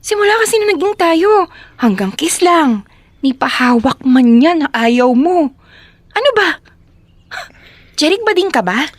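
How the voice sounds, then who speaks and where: A woman's voice: fairly high pitch, animated, normal speed, slightly rough, dry recording. A woman playing a frustrated young girlfriend in a radio drama. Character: frustrated young girlfriend Loisa, narrating her story. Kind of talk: radio drama acting and first-person narration.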